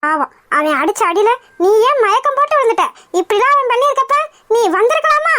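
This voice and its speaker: A woman's voice: extremely high pitch, expressive, brisk, bright, forceful tone, voice pushed up, heavily acted. A woman voicing a teasing old grandmother who taunts and scolds in a cartoon. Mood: taunting. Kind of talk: cartoon voice acting.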